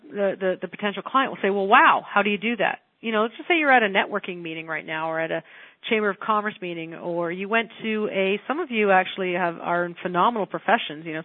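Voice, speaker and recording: A woman marketing coach talks her listeners through a lesson in a relaxed, rambling way. Her voice comes through thin and phone-like, with no room sound around it. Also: mid-range voice, no echo. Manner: chatty, many fillers and restarts. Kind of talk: casual spoken coaching lesson. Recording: dry, tinny phone-like sound.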